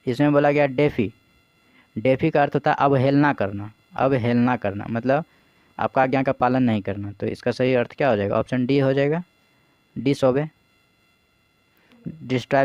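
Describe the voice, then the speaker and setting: A man's voice: mid-range voice, darkish tone, dry recording, muffled recording. A man teaching as an exam coach, explaining English vocabulary in Hindi, asking his own questions, answering them, and spelling words out letter by letter.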